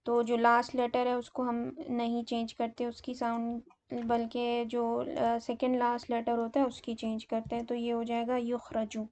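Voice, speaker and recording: Woman teacher explaining grammar, slow and halting, very flat monotone, kinda high pitched. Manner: slow, hesitant explaining with many fillers. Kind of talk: grammar lesson in Urdu mixed with English terms.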